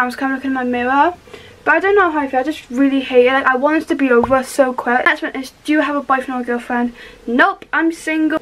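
A woman's voice: high-pitched, fairly bright tone, rough recording. A Welsh teenage girl chatting in a rambling, upbeat way while doing her makeup in her bedroom, talking to the camera. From Wales. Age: teens. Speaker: vlogger. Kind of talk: casual get-ready-with-me chat. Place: small bedroom indoors.

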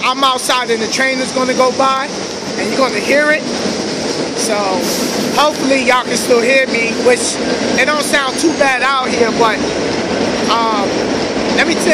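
A man in his thirties with a New York accent, from the Bronx, hosting a casual vlog in upbeat street slang, filming himself on a phone at night on a city sidewalk under an elevated train. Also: very high voice. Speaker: vlogger host. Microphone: phone camera at arm's length. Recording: loud passing train noise outdoors.

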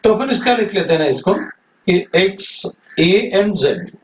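A man with an Indian accent teaching chemistry. He repeats lines slowly for his students to copy, then explains quickly in mixed Hindi and English. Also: high-pitched, big pitch swings. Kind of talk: classroom lecture. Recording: echoey room, distant dull mic, faint noise.

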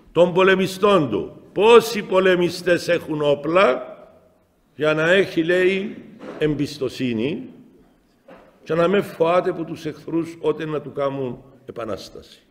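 A middle-aged man with a Cypriot Greek accent, a bishop telling stories in a spiritual talk, swinging between loud exclamations and soft asides. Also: on the high side, animated. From Cyprus. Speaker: metropolitan bishop. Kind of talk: spiritual talk answering the faithful. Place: chapel. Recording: long chapel reverb.

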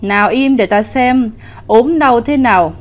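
A woman's voice: fairly high pitch, a little slow, lightly acted. A woman voicing a lecherous, cruel old male village official in a spoken ghost story, bullying and commanding. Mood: falsely sweet. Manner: bullying and commanding, falsely sweet when coaxing.

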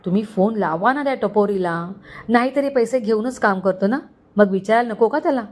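A woman voicing an impatient, greedy middle-aged aunt who talks in a hurried, insistent way. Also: mid-range voice, darkish tone, lightly acted.

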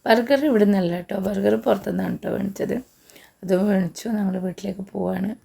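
A woman's voice: medium pitch, fairly even intonation, brisk, creaky, dark tone, breathy edge. A woman, short of breath, chatting homely through a casual cooking vlog. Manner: chatty, homely, frequent tag particles. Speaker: cooking vlogger.

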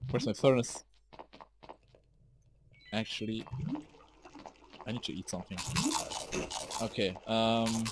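A young man streaming a game live, rambling casually, easily startled, swearing and shouting at enemies. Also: on the low side, background noise. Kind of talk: live gameplay commentary.

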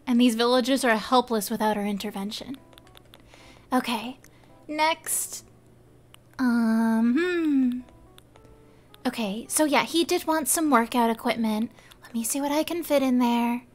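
A young woman with a high voice chats through a casual game stream, laughing often and talking to her viewers. Soft music plays faintly behind her. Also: a little slow, pauses often. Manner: giggly, chatty, talks to chat. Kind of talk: casual live game commentary.

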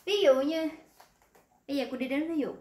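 A woman teaching, patiently explaining, quizzing the class and repeating words slowly. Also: sits high, a little mellow, roomy sound. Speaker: Korean language teacher.

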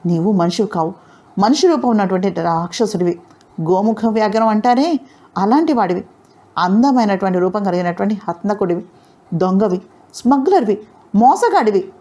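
A woman voicing a proud, defiant young heroine in an audio novel. She speaks in heated, scolding lines that climb in pitch. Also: lively intonation, normal speed, mellow, lightly acted. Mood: furious. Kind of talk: audio novel character reading.

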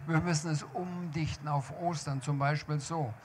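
A man's voice: a little high, fairly even intonation, moderate pace, slight background noise, lightly acted. Man reading as a genteel, fussy old gent. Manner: genteel, a little condescending. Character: fussy polite older gentleman poet.

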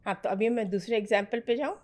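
A woman's voice: a little high, fast, darkish tone. Firm middle-aged woman trading mentor. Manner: firm, direct, mixes English phrases into Hindi. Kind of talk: conversational teaching.

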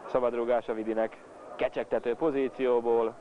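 A man delivers excited football commentary in a mid-pitched voice that leaps up as the play develops. The sound is thin and phone-like, like an old TV tape, with clear stadium noise behind him. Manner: excited sports commentary, voice leaping up at chances and goals. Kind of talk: live football commentary on Hungarian league match. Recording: tinny narrow-band 1990s TV tape, noisy.

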